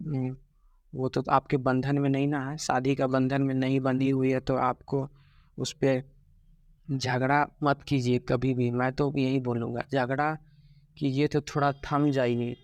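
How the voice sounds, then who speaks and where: A heartbroken young man speaks haltingly in a personal vlog, stopping and restarting often. His voice stays flat and low-key, with little rise or fall. The sound is dry and close, with no room around it. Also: no room sound. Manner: halting, many fillers and restarts, subdued and regretful. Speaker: vlogger.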